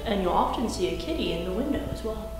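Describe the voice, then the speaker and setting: A woman in her thirties co-hosting a travel vlog, showing a small holiday rental in a slow, descriptive, upbeat tour-guide way, filmed by a camera across the room. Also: medium pitch, expressive. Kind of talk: home tour narration. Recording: echoey rooms with background music.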